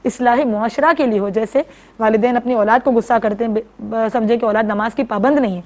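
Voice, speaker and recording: Didactic woman religious scholar. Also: a little high. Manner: steady, didactic, lists examples. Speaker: female religious scholar guest. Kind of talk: religious explanation in a studio talk show.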